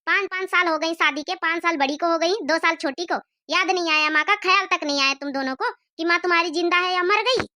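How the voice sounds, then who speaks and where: A woman's voice: extremely high pitch, a little fast, few pauses, sharp tone. A woman voicing a scolding aged mother. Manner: scolding, reproachful. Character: scolding aged mother of two grown daughters.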